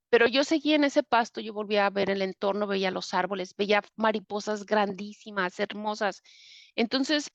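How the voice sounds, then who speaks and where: Her medium-pitched, gravelly voice comes through with no echo and the high frequencies cut off. She's an interview guest with a Mexican Spanish accent, telling a personal story in vivid detail while using lots of fillers and restarting often.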